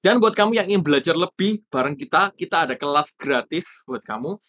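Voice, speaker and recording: Bright-voiced man explaining copywriting tips. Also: a little high, a little fast, lo-fi sound, a little hiss or hum. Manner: lively, rising emphasis on key points. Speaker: copywriting instructor. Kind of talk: casual explanatory teaching.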